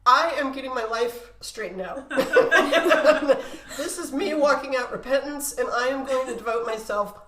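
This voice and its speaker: A middle-aged woman with a loud, projecting, high voice tells personal stories as a podcast guest, speaking a little slowly in a reverberant space. She's casual and animated, acting out the conversations she describes.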